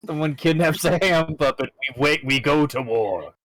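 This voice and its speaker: A woman's voice: deep voice, moderate pace, no room sound, low-quality recording. A woman player chatting and joking at a tabletop game, laughing often. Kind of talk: casual tabletop chat.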